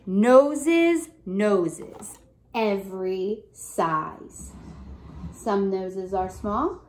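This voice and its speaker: Reading a picture book aloud to a young child in a room at home, a young woman sounds animated at a medium pitch, with a little hiss or hum in the background. She takes a teacher's approach, using emphatic, deliberate phrasing and asking prompting questions.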